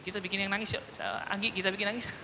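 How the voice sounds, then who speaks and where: A teacher trainer giving a workshop lecture to teachers, lively, acting out short child and teacher dialogues and often checking that the audience follows. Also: medium pitch, brisk, very noisy. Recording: long hall reverb.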